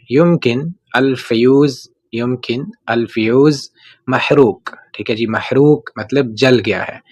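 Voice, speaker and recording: A man teaching everyday Arabic in a relaxed, conversational way. He says each phrase slowly and repeats it, then explains it plainly, with a habitual "theek hai ji" between points. Now and then he earnestly asks viewers to share his lessons. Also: medium pitch. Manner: often adds "theek hai ji" as a filler; pleads with viewers to watch and share. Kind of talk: casual language lesson.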